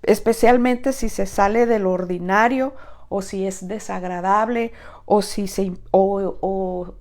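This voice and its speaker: Woman, middle-aged, women's ministry teacher; unhurried, conversational, filler-heavy delivery. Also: medium pitch, steady tone, darkish tone. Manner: conversational, many fillers and tag questions. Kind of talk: informal Bible teaching.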